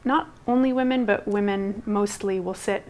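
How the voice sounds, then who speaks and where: In a relaxed interview, this young woman, a textile artist from Guatemala and a native Spanish speaker, wanders through her answers with many fillers and false starts. She speaks at a moderate pace in a mid-range, darkish voice.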